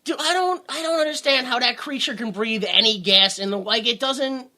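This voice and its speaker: On a podcast, a co-host chats casually about movies in a mid-range voice that's pushed and bright, at a normal speed. The delivery is rambling and sarcastic, frequently cutting off mid-sentence.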